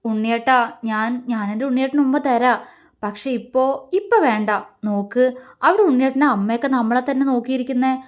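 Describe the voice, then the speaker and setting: A woman voicing a shy, gentle young wife who speaks in a soft, bashful way. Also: a little high, fairly quick, close to an everyday voice.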